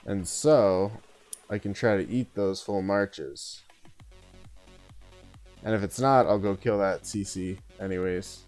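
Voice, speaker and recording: A man with a lowish, smooth and resonant voice chats his way through a live game stream. He thinks out loud and often drops in "uh" and "right?". Soft music plays in the background. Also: slow pace, pauses often. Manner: chatty, thinking aloud with many "uh" and "right?". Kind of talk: casual live gameplay commentary.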